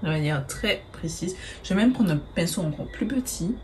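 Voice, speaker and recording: Casting note: woman, low-ish voice, chatty makeup vlogger who hesitates a lot and swears casually, slight background hiss. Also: expressive, moderate pace, a little mellow. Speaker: beauty vlogger. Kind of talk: casual makeup tutorial chat.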